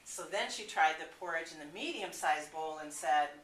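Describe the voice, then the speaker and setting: A woman reading a story aloud to young listeners, telling it in an expressive, animated way. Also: deep voice, normal speed, background noise. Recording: echoey room, from a distance.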